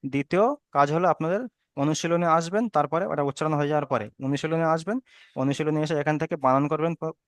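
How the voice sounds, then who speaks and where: Fast-talking patient male reading teacher. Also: a little high, steady tone, no room sound. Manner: patient, repeats rules slowly. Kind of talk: online Arabic reading lesson. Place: online class. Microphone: video call.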